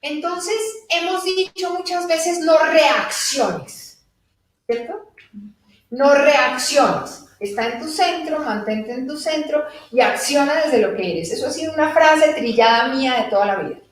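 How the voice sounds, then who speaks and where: A woman giving a live spiritual talk to an audience, animated and laughing as she acts out little dialogues. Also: high voice, moderate pace. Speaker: spiritual teacher. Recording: echoey room from a distant mic.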